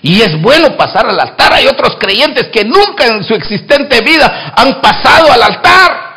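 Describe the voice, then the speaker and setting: A man preaching a sermon as pastor in church, swinging from hushed asides to loud exclamations and acting out both sides of the dialogues he tells. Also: extremely high pitch, very animated, unhurried, gravelly.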